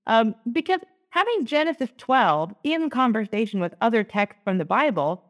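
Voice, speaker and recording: A woman's voice: on the high side, sing-song, moderate pace. A woman co-hosting a lectionary podcast, talking in a chatty, teacherly way. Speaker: podcast co-host, Lutheran. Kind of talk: casual lectionary podcast chat.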